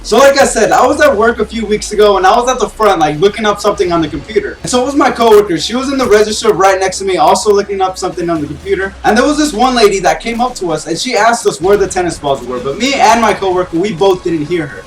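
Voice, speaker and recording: A man's voice: high voice, lively intonation, quick pace, hardly any pauses. A young man telling a casual storytime in a rambling, incredulous way, full of "like" fillers. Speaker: vlogger. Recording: roomy and distant, faint music.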